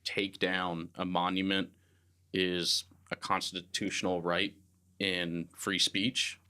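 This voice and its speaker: A man with a very deep yet forceful, bright-edged voice joins a podcast panel as a guest. He asks his questions in a measured way. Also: level tone, clear, resonant tone. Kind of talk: casual panel discussion.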